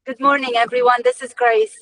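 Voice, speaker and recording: A woman with a fairly high voice joins a team meeting on a speakerphone from her car while driving. Her replies are short and polite, in relaxed chat. The sound is thin and distant, the way a call from a car comes through. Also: fairly quick. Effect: speakerphone call from a moving car.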